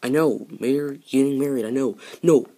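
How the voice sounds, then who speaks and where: A man's voice: mid-range voice, moderate pace, warm tone, natural voice. A man doing a stammering anxious car sidekick. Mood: breathless. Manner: stammering, breathless, urgent. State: out of breath. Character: anxious young male race car friend, earnest.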